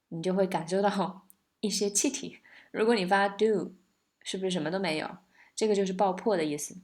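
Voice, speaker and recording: Woman teaching a song, patient and light. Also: medium pitch. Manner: explains patiently, sings lines then breaks them down. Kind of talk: song lesson, explaining and singing examples.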